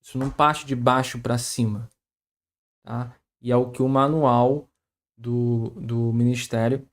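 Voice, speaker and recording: A co-host on a live stream explaining a point in a measured, explanatory way, closing sentences with "tá?". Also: medium pitch, steady tone.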